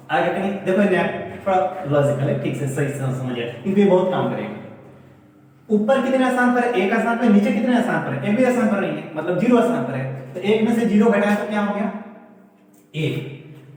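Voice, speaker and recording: A man's voice: high-pitched, darkish tone. A man teaching a math lesson to students, explaining step by step and often checking that the class is following. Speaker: math teacher at a coaching centre. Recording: echoey room, voice from far off.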